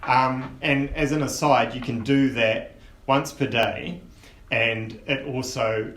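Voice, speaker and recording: A man narrating as game master of a tabletop game, relaxed and rambling with many fillers. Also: mid-range voice, slow. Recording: echoey room with faint hiss.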